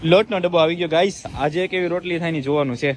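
A man's voice: a little high, fairly even intonation, quick pace, a little hiss or hum. A young man hosting a family vlog. He chats casually with viewers, playful and teasing.

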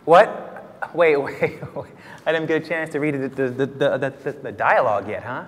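An actor playing a nervous, theatrical man in a police lineup who stammers and pleads, then breaks into loud, hammy line readings. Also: mid-range voice, normal speed, in a large hall, slight background noise, close to an everyday voice. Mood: pleading. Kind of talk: comedy sketch acting.

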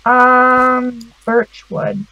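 A woman chatting casually as a guest while gaming, bubbly and quick to laugh. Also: high voice, little pitch movement, bright, forceful tone, no echo, faint music behind, rough recording. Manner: giggly and bubbly. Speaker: guest gamer.

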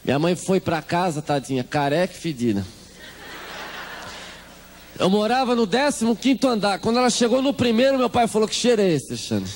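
A man's voice: high-pitched, normal speed, pauses often, a little hiss or hum. A man with a Brazilian Portuguese accent gives a humorous testimony to a congregation, acting out the voices of the people in his story. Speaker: church testimony speaker.

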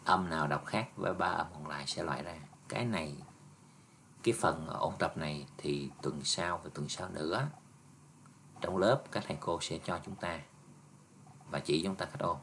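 A man's voice: low-pitched, moderate pace, creaky, a bit bright, a little hiss or hum. A male teacher patiently reviewing an English exam step by step for his students. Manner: patient, explaining step by step with frequent "nha" and "nè".

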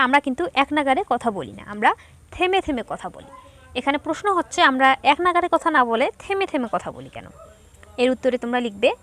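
A woman teacher with a high voice gives an online class. She reads each question out, then dictates the answer slowly and patiently, one step at a time. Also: a bit bright. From Bangladesh. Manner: patient, explains step by step to pupils.

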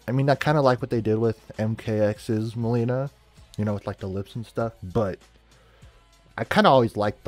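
Excitable young man reacting to a trailer. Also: fairly low pitch. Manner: excitable, swings from mumbling to loud outbursts. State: cold and shivering, early morning. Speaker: reaction streamer. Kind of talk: casual reaction commentary.

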